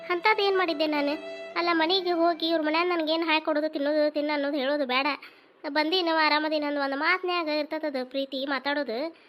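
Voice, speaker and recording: A woman voicing a hurt young married woman who pours out her grievances in a plaintive North Karnataka village voice. Her voice sits high and light throughout this homemade family drama. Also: steady tone, fast talker, a bit bright, soft background music. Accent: North Karnataka Kannada. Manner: complaining, plaintive village speech.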